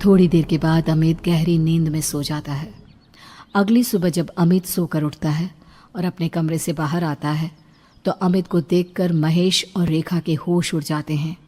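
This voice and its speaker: Low, mellow woman narrator. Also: steady tone, unhurried. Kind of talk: scripted storybook narration.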